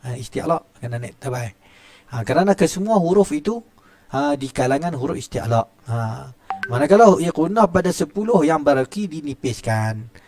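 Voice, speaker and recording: Over soft background music, a middle-aged man with a Malaysian Malay accent teaches Quran recitation rules in a chatty classroom tajwid lesson. His expressive, somewhat high voice has a darkish tone and a normal speed, and he often starts lines with "ha" while demonstrating sounds.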